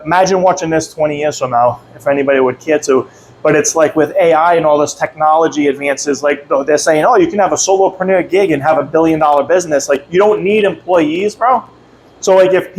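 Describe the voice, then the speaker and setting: A man's voice: fairly high pitch, slight background noise, poor audio. Slangy man hosting a podcast. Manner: loose slangy talk, says bro and dude a lot. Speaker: podcast host. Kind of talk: casual podcast conversation.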